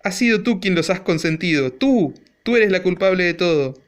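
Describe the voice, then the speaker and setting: Casting: a man playing a miserly old father in a rage, shrill, yelling, storybook reading. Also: very animated, measured pace, heavily acted. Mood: furioso. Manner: shrill furious shouting. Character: furious stingy old father, shouting.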